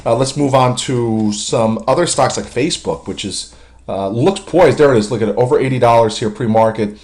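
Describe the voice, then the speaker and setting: Male market commentator walking through charts; confident, quick, chatty delivery. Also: mid-range voice, a little mellow. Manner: confident, quick, with frequent uh fillers. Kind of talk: screen-share chart walkthrough.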